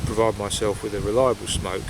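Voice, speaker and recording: Guy vlogging in the woods, lowish voice, hesitant reflective rambling, lots of wind noise. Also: level tone, a little fast. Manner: hesitant, reflective, meandering delivery. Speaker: pipe-smoking vlogger. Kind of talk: casual outdoor chat. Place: outdoors in windy woodland. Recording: outdoor wind noise, basic equipment. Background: wind and rustling leaves.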